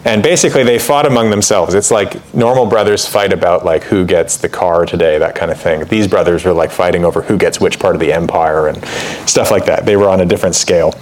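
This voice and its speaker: A man with a deep, somewhat dark voice speaks at a brisk clip in a steady tone. He's giving an informal lecture on church history, chatting conversationally with fillers and asides, and he puts more emphasis into the quoted passages he reads aloud.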